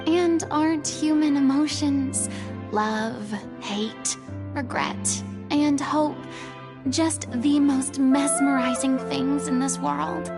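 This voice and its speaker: A woman's voice: high voice, takes it slowly. A woman acting a self-assured, playfully haughty grand lady with a dramatic, grandiose manner in a game. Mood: grandly confident. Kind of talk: voice-acted game dialogue. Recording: loud music behind the voice.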